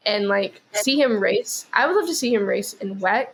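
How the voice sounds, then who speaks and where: A woman appears as a podcast guest, chatting casually and rambling with plenty of "like" and "um." Her medium-pitched voice is animated and moves at a normal speed. The audio is poor, with a little hiss or hum.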